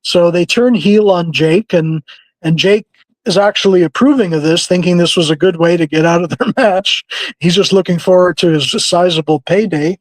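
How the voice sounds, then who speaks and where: A man's voice: high-pitched, moderate pace, no echo, poor audio. A man on a podcast, casually telling a long story and acting out the people in it, laughing often. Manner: animated storyteller who acts out quoted people, laughs often. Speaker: podcast co-host.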